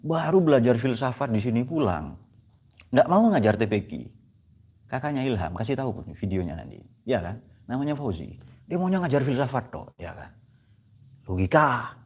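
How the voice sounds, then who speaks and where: Male lecturer. Very expressive pitch, teasing and checking in with the class. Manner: animated, joking, asks "ya kan?" often. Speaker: teacher of philosophy at a pesantren.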